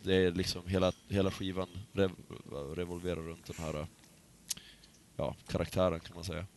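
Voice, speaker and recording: A man with a lowish voice co-hosts a casual podcast conversation. He circles his points with frequent "eh"s and restarts, and a faint hum of background noise sits under his talk. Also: level tone, darkish tone. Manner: hesitant, many fillers and restarts. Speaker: podcast co-host. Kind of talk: casual chat.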